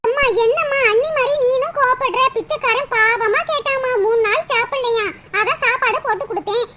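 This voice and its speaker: A woman's voice: very high-pitched, fairly quick. A woman voicing a generous young girl in a cartoon, giggly and pleading. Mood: chirpy. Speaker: cartoon voice actor. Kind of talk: Tamil cartoon dubbing. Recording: loud background hiss.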